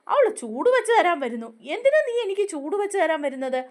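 A woman's voice: very high-pitched, very animated, brisk, voice pushed up. A woman voicing an injured, irritable young man from a TV serial who speaks in snappish, dismissive lines. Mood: irritated.

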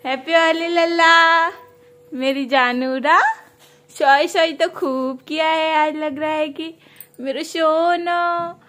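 A young woman talking to her baby son in loud, high, sing-song baby talk. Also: fairly even intonation, takes it slowly. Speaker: mother.

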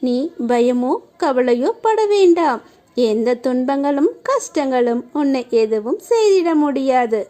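A woman reading a scripted devotional message in a steady, earnest way, speaking straight to the listener. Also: sits high.

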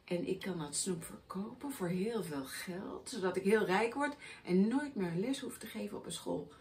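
A woman voicing a grumpy, greedy male schoolteacher who hates children, boastful and scornful, in a high, loud voice. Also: lively intonation, normal speed, a little hiss or hum, natural voice. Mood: scheming.

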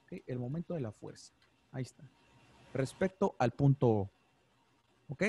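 A man's voice: mid-range voice, lively intonation, normal speed, dark tone, husky. A man teaching an online class, explaining step by step and often checking in with "ok?". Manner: patient, checks understanding with frequent "ok?". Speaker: physics teacher. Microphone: video call.

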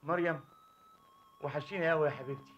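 An actor playing a warm Egyptian father. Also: fairly high pitch, steady tone, fast, faint music behind, natural voice. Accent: Egyptian Arabic. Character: loving father welcoming his daughter. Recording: muffled film soundtrack.

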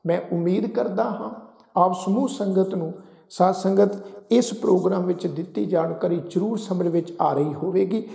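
A man's voice: sits high, moderate pace, vocal fry, dark tone, reverberant, long reverb tail. A man with a Punjabi accent teaching how to pronounce scripture, addressing the congregation often and spelling words out letter by letter. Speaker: Gurbani pronunciation teacher. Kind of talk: religious lesson, slow careful recitation.

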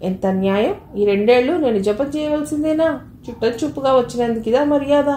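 A woman's voice: sits high, fairly quick, mellow, a little hiss or hum, pitched above the performer's own voice, lightly acted. A woman voicing a joking young brother-in-law who speaks with mock seriousness, in a storybook reading. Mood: mock-serious. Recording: echoey room, faint ambience.

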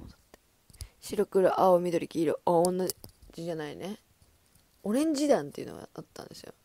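A young woman in her twenties hosting a casual livestream, chatting with viewers, laughing often and breaking into loud excited bursts. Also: fairly low pitch. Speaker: idol livestream host. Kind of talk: casual livestream chat reading comments.

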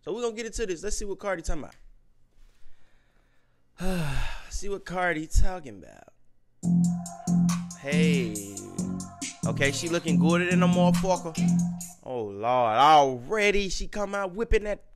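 A man's voice: high-pitched, lively intonation, normal speed, long pauses, loud music behind the voice. A man hosting a reaction video, talking casually with lots of slang and cursing and exclaiming as he watches.

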